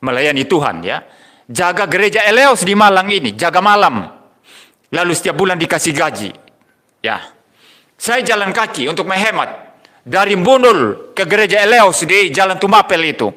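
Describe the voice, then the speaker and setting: Older pastor preaching brightly. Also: male voice, fairly high pitch. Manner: storytelling, repeats key phrases for emphasis. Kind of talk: sermon with personal anecdotes.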